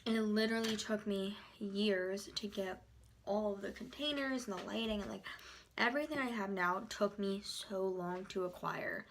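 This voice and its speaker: A young adult woman vlogs in a loose, informal chat, chewing while she talks. Her voice sits at a medium pitch and her sentences wander and halt. There is faint noise in the recording, with small clicks. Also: fairly even intonation, creaky. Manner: informal, halting, loosely rambling. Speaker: YouTuber vlogger. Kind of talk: casual chat to camera during a mukbang.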